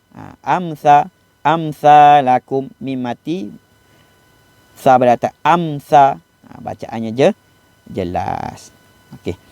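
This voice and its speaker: A man with a Malaysian Malay accent gives a lesson on Quran recitation, explaining each rule patiently and stretching out the example words slowly. His voice is mellow and relaxed, recorded close in a dry space with no room echo. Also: mid-range voice, vocal fry. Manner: patient and explanatory, slows down to model Arabic recitation. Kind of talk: classroom lesson on recitation rules.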